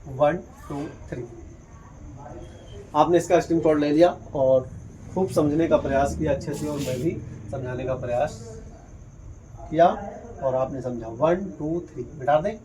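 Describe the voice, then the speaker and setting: A man's voice: on the high side, unhurried, long pauses, dark tone, rough recording. A man teaching a biology lesson at a board, explaining step by step and asking questions he then answers himself. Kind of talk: whiteboard lesson.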